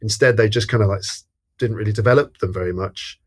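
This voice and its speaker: Low-voiced man reviewing a film. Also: fast. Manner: thoughtful, hesitant, many restarts. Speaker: podcast co-host. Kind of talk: casual film review chat.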